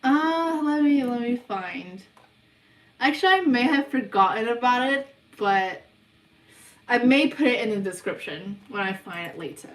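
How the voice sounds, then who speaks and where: A young woman chats slowly through a livestream Q&A, pausing on ums as she reads out questions. Her voice sits a little back from the mic in an echoey room. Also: a little high, expressive, recorded from a distance. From New Zealand. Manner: unhurried, hesitant, many ums, reads questions aloud before answering. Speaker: livestream host of a subliminal channel. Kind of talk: casual livestream Q&A reading chat questions. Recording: roomy sound, voice away from the mic.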